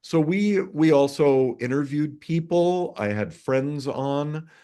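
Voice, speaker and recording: A man in his fifties, a conductor answering interview questions over a video call, measured and articulate. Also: on the high side, animated, mellow, smooth. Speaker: conductor, guest.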